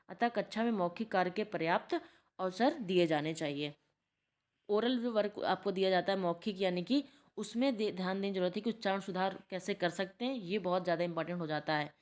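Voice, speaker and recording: A woman's voice: mid-range voice, a little mellow. A woman tutor giving a spoken lecture from notes, who keeps posing questions and answering them herself. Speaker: teacher-training tutor.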